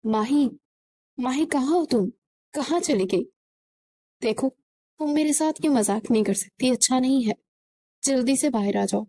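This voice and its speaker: A woman's voice: high-pitched, long pauses, warm tone. A woman voicing a distraught young man whose fiancée has fled, pleading and frantic.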